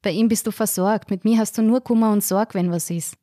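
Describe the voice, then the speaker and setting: A woman's voice: mid-range voice, fairly even intonation, brisk, warm tone, dry recording, studio quality, close to an everyday voice. A woman voicing an earnest, heartbroken young rural man. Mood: pleading. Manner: earnest, pleading.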